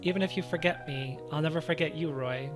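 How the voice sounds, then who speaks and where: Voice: medium pitch, a little fast, music in the background, natural voice. A player voicing a shy, loving little girl who speaks in short, earnest sentences. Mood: tender.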